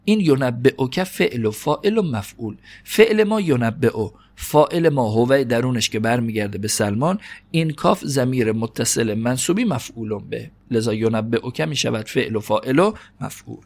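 A man teaching an Arabic grammar lesson in Persian, who recites Arabic phrases slowly and drills verb conjugations. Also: mid-range voice, lively intonation, gravelly, a little mellow. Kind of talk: classroom lesson, parsing Arabic text.

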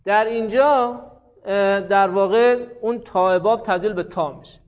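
A man teaching a class, lively and encouraging, repeating examples slowly and praising his students. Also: high voice. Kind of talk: classroom lesson on Arabic morphology. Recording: dull lo-fi classroom recording.

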